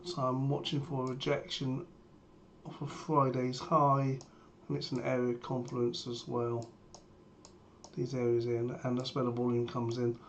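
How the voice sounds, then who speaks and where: Man, sore swollen throat, flat intonation, matter-of-fact trading commentary, background noise with keyboard typing. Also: mid-range voice, moderate pace. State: sore throat, strained under-the-weather voice. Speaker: trader sharing a premarket plan. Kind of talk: live market commentary.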